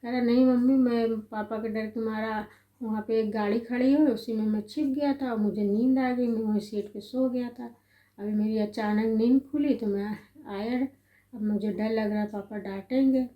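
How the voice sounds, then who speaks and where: A woman's voice: fairly high pitch, fairly even intonation, normal speed, muffled recording. A middle-aged woman telling a family story as a mother, rambling and conversational, acting out the lines she quotes. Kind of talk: casual spoken storytelling. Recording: echoey room.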